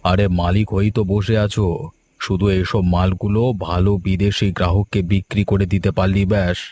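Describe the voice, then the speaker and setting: A man's voice: deep voice, level tone, a little fast, darkish tone, slight background noise, lightly acted. A man voicing a scheming village headman in a cartoon, boastful and conspiratorial. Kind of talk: cartoon voice acting.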